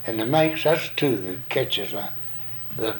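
A man's voice: lowish voice, lively intonation, unhurried, low-quality recording. An older man with a Southern accent from around Arkansas, giving folksy, plain-spoken answers in an informal interview. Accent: Southern US, Arkansas area.

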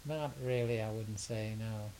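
A faint steady hiss runs under this interview with an older education consultant from the southern United States. His voice is lowish and unhurried, and he answers casually in a hesitant, rambling style, often repeating words.

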